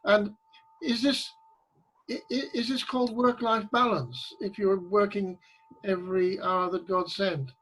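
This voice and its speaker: A man's voice: high-pitched, fairly even intonation, measured pace, fairly bright tone, low-quality recording. A man interviewing a business owner, stammering and repeating words as he works out his questions.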